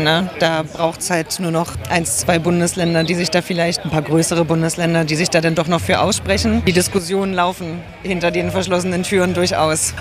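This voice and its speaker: A man speaking for a campaign in a street interview, relaxed and chatty, tagging his sentences with little questions. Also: high voice. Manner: relaxed and talkative, often adding tag questions. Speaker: campaign spokesperson being interviewed. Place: outdoors at a demonstration.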